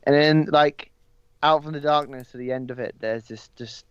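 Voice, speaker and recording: A man's voice: mid-range voice, steady tone, moderate pace, clear, resonant tone, highs cut off. A young man, a podcast guest, talking casually with lots of ums and the odd swear word.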